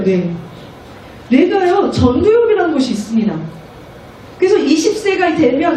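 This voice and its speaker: A woman missionary preaching a sermon at a prayer meeting, animated, often acting out children's voices. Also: sits high, a little hiss or hum. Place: church hall. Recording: echoey room, mic far off.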